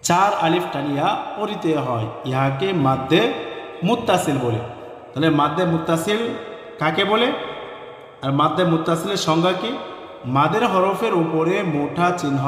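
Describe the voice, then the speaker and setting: A man teaching Quranic recitation online, slowly drilling letter sounds and chanting syllables one by one. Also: on the high side, fairly bright tone. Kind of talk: online tajweed lesson. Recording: echoey room with long reverb.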